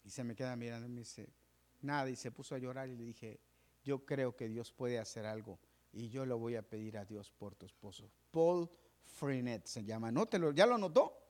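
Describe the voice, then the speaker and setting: A male pastor preaching a sermon, telling a story. He drops to hushed whispers and then rises to fervent, raised preaching. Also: medium pitch, normal speed.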